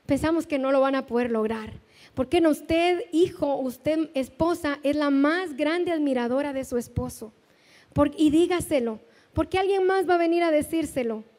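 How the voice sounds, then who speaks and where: High-voiced Guatemalan woman pastor preaching. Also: moderate pace. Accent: Guatemalan Spanish. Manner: animated storytelling with direct questions to the congregation. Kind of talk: sermon. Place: large church hall. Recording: long church hall reverb.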